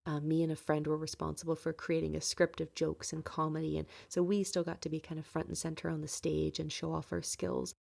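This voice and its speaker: Speaking fairly fast with few pauses, this late-twenties podcast host has a low, darkish, gravelly voice and a level tone. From home, she reflects candidly on her own life, dropping in plenty of fillers and soft laughs.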